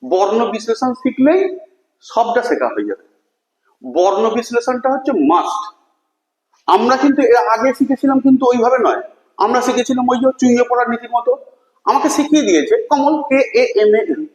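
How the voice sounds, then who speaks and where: High-pitched lively male teacher. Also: brisk. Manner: questions and answers with students, spells words letter by letter. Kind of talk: classroom lesson. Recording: echoey room with long reverb.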